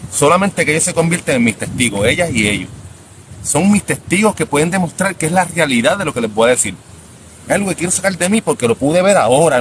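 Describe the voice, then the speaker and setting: A man in his fifties with a Puerto Rican accent, rambling casually on a live stream outdoors by a beach, talking to himself and halting when he tries English. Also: mid-range voice, a little hiss or hum, poor audio. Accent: Puerto Rican Spanish. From Puerto Rico. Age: 50s.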